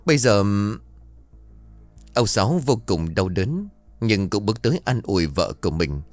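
Male storyteller, ghost story narration, lively pitch, lowish voice, faint music behind. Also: normal speed, no room sound. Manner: dramatic, expressive storytelling.

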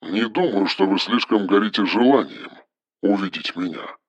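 A man reading an audiobook, voicing a cold, commanding engineer who gives flat, toneless orders over the phone in a metallic voice. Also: lowish voice, moderate pace, no echo, highs cut off, voice pushed down. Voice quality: metallic timbre.

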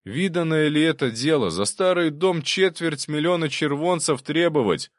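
A man voicing a sly older steward who scolds and coaxes in a drawn-out, wheedling way. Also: fairly high pitch, lively intonation, dry recording, studio quality, voice pushed up, natural voice. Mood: reproachful.

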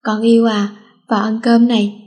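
A woman's voice: on the high side, little pitch movement, normal speed, warm tone, close to an everyday voice. A woman voicing a mother who speaks in a syrupy sweet tone that hides a threat, in an audio story. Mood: sugary. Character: sugary-sweet but menacing mother.

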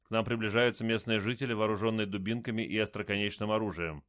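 A man narrates a first-person adventure story in short, matter-of-fact sentences. His voice sits low and the recording is dry and close, with no room sound. The delivery is terse and steady. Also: fast, dry recording.

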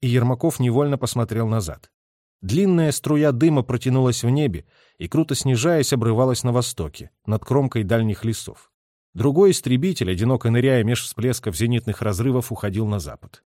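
A man reading a war novel aloud in an expressive, dramatic narration style. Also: mid-range voice, a little fast, dry recording, clean studio sound. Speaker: audiobook narrator.

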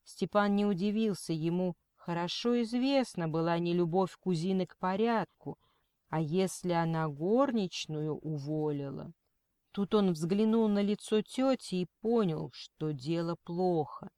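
A woman reading an audiobook as narrator, steady and unhurried. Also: fairly low pitch, clean tone, no echo, clean studio sound. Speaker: audiobook reader. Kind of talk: scripted narration.

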